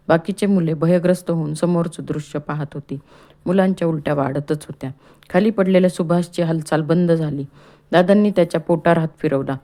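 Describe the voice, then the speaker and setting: A woman reads a storybook chapter aloud in a calm, steady way. Her voice sits low and sounds mellow and warm. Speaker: audiobook narrator. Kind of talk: scripted storybook narration.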